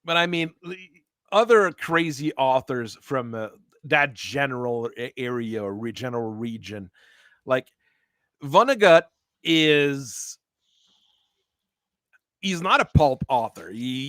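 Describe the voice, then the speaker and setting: A man hosting a casual chat, talking in a rambling, halting way with frequent restarts. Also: mid-range voice, fairly bright tone, no echo, clean studio sound. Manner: rambling, halting, laughs often. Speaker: host.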